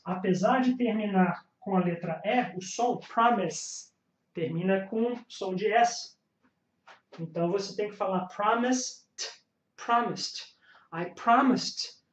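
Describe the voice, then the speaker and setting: Brazilian man slowly drilling pronunciation. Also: high-pitched. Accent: Brazilian Portuguese. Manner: slow, careful drilling of English words between Portuguese explanations. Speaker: English teacher. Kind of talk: pronunciation lesson. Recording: roomy, slightly dull home recording.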